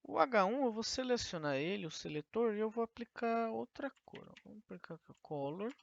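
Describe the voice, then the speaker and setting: Woman teacher, gravelly voice, talks a screen-recorded coding lesson through step by step on a dull lo-fi mic. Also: mid-range voice, expressive, brisk, no room sound. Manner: explains step by step, asking and answering her own questions.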